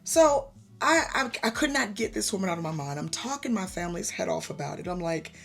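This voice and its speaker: A woman vlogger tells a personal story with animated, effusive energy and talks straight to her viewers. Her voice is gravelly and husky, at a middle pitch. Faint music plays underneath. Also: a little fast. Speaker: lifestyle vlogger.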